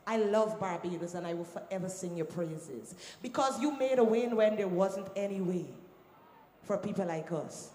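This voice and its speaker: A woman's voice: mid-range voice, moderate pace, slight background noise. Guyanese woman singer working a festival crowd. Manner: lively, calls out to the crowd. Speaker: singer performing on stage. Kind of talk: stage banter with a festival crowd. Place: large venue on stage. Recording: echoey hall with long reverb.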